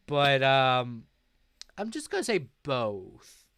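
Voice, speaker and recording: A sleep-deprived young man chats slowly on his live stream and answers viewers' messages as they come in. His voice is clean and clear, in a dry, close room with no echo. He is relaxed and unhurried, drawing out his words. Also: mid-range voice. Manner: slow, sleepy, reads chat aloud. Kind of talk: casual live-stream chat.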